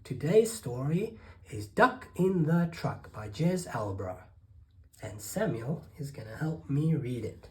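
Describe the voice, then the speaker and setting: A woman with a low voice reads a children's picture book aloud. She is animated, with pitch that swoops high and low and dramatic gasps. Her delivery is slow and deliberate. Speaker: storyteller for children.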